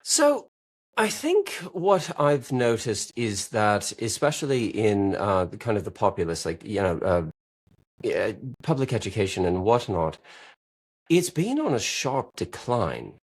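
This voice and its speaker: A man's voice: on the low side, unhurried, husky. A man from Wisconsin with a Wisconsin accent, a guest in a casual podcast interview, joking and telling stories over a remote call. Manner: lively, joking storyteller.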